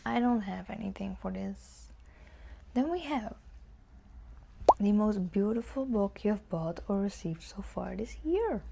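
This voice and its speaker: Answering tag questions in an informal chat to camera, this book vlogger thinks out loud and hesitates now and then. She has a creaky, mid-range voice with a darkish tone, and there's slight background noise.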